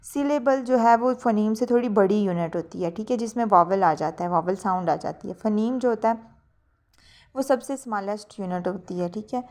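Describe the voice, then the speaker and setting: A woman's voice: medium pitch, moderate pace, darkish tone. Woman tutor going through exam answers. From Pakistan. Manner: mixes English into Urdu, corrects herself.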